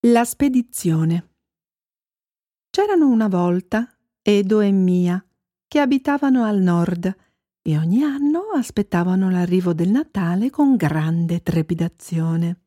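Slow, gentle woman reading children's tales. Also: fairly low pitch, lively intonation, dry recording, clean studio sound. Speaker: storyteller. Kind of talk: children's story and poem reading.

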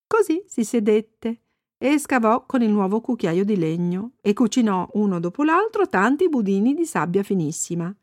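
A woman reading a children's story aloud, gentle and expressive. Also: medium pitch, normal speed, no echo, clean studio sound.

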